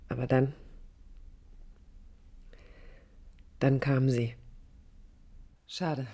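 A rumbling low, darkish-toned woman leads a 1980s East German radio play as its first-person narrator, playing an idealistic young architect who is reflective but stubborn and defiant. Her introspective monologue carries a wistful mood and an intimate, thoughtful, earnest delivery that at times drops nearly to a whisper.

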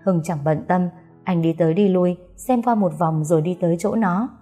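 A woman narrating an audiobook story in a steady, even manner. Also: lowish voice, normal speed, soft background music.

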